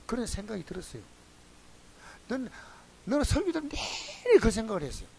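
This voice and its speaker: A pastor with a high-pitched voice and some vocal fry preaches a sermon in a Gyeongsang Korean accent, telling folksy, animated stories to his congregation. Slight background noise can be heard.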